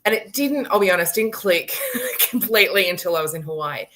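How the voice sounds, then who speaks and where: Bright-voiced woman telling a lively story. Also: on the low side, fairly quick, a little hiss or hum. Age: late 30s. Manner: animated storyteller, laughing often, acting out quotes. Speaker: guest. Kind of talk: storytelling in a live-stream chat. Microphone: video call.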